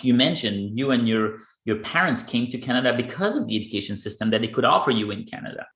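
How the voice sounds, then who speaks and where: A man's voice: medium pitch, fairly bright tone. Man hosting a podcast, echoey room. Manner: earnest, explaining in plain terms. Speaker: podcast host. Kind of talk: podcast interview.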